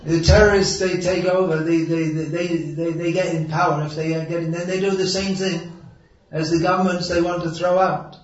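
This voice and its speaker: Brief: man preacher with a slightly high voice, wry and emphatic, distant mic in a roomy hall, dull sound. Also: level tone, moderate pace, few pauses. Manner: sarcastic and wry, then earnest and emphatic. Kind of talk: sermon.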